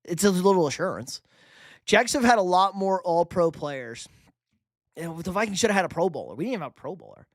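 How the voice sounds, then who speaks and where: In an animated, fairly quick, high voice, a young New Yorker reads chat questions on his live sports stream and bantering loosely with casual profanity. The audio is studio quality with no room sound.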